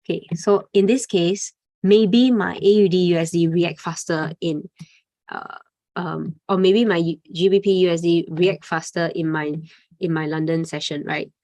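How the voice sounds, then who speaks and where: A woman's voice: fairly low pitch, steady tone, moderate pace, warm tone, no echo. A young adult woman presenting a live trading webinar, chatty and informal, tagging lines with "okay" and "right?". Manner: conversational, frequent "okay" and "right?" tags, fillers. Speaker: trading instructor.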